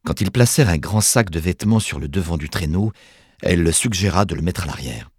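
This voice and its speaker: A man narrating an audiobook in an expressive storytelling manner. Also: low-pitched, a little fast, breathy edge, dry recording, studio quality.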